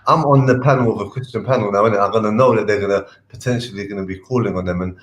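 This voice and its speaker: A man, a panel guest explaining casually in a polite, halting way. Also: fairly low pitch.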